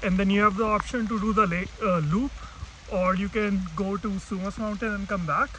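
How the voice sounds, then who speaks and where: A man's voice: high voice, fairly even intonation, moderate pace, sharp tone, a little hiss or hum, poor audio. A man giving casual vlog narration as he hikes outdoors. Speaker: hiking vlogger. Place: outdoors on a rainy mountain trail. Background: rain and music.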